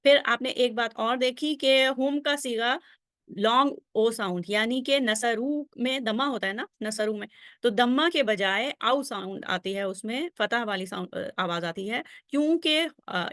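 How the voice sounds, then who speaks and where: A woman teacher with a fairly high voice talks over lesson slides, patiently chanting verb conjugations in steady rows. She pauses often to check that the listener is following. The sound is close and dry, with no room around it. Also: dry recording. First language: Urdu. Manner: patient, drills conjugations aloud with frequent check-ins. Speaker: Arabic grammar teacher.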